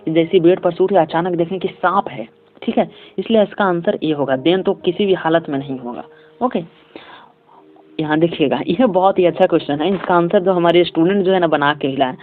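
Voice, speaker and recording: A male English teacher walking students through an exam paper step by step, reading English sentences slowly and often checking in with his class. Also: a little high. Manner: reads English sentences slowly, then explains them. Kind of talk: exam paper walkthrough lesson. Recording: tinny phone-like audio.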